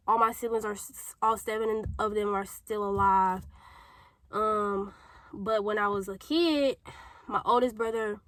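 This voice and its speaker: A young woman from St. Louis, Missouri, speaking with a St. Louis accent and a fairly high pitch, rambles through her personal story to camera as a vlogger, full of fillers and tangents. She sounds a little congested from a cold. The recording is low-quality with no room sound.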